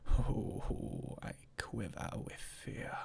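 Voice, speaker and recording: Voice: extremely slow, darkish tone. Scar, a sly lion whispered by a reader. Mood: sneering, sarcastic. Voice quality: breathy whisper. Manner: whispered, drawling sarcasm. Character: sly scheming male lion, sarcastic.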